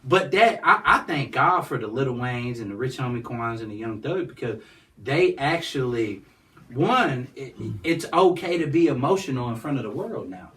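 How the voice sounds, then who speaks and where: Recorded on a distant mic, this man, a nonprofit founder, is an interview guest in a casual conversation. His high-pitched, fairly bright voice is animated at a moderate pace, and he rambles with a steady stream of "you know what I'm saying."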